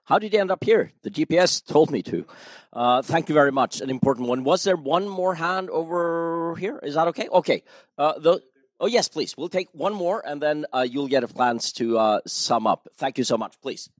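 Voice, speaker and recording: A man moderating a public seminar, politely calling on audience members and briskly summing up their questions. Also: on the high side, lively intonation, no echo.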